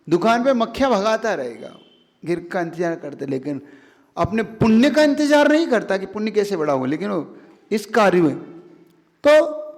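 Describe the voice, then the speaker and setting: A man giving a sermon, animated and full of rhetorical questions to the audience. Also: sits high. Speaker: Jain monk preacher. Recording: long hall reverb.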